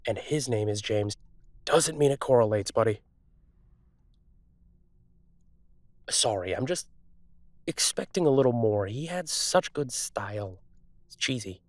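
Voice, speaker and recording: A man playing a streetwise, wry car thief on the run in a conversational audio role-play, talking casually with thoughtful pauses. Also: medium pitch, expressive, no room sound, close to an everyday voice.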